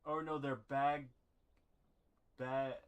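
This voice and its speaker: A man's voice: mid-range voice, level tone, clean tone, highs cut off. Wry man reacting while playing a game. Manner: reactive, wry, quick asides. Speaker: podcast co-host.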